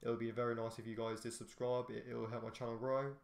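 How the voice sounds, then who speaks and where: A man's voice: mid-range voice, little pitch movement, brisk, gravelly. A tired man giving rambling, hesitant commentary while playing a driving game, often restarting his sentences. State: tired, yawning. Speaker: gaming YouTuber. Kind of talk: casual gameplay commentary. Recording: echoey room with faint background noise.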